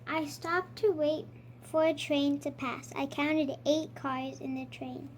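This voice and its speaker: A high-voiced child reads a storybook aloud at an unhurried, steady pace, the way one reads to young listeners. Faint background noise can be heard in the recording.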